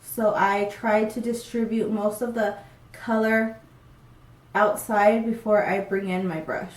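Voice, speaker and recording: A young female beauty vlogger, congested and stuffy from a cold, chats casually through a makeup tutorial, dropping plenty of ums. Her medium-pitched voice barely moves and her pace is slow. She's in a small room with a plain backdrop, captured from a distance so the sound is roomy and off-mic.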